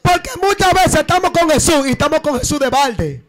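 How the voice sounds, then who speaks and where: A man preaching a fiery Pentecostal evangelist sermon at a night church service, with a Dominican accent, swinging between loud shouts and low murmurs and breaking into tongues. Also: expressive, fairly quick.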